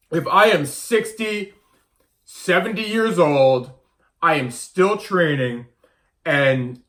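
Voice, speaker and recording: This diet coach and vlogger in his thirties has a rather high, slightly bright voice. Speaking casually to camera, he is blunt and emphatic, often going back over the same points.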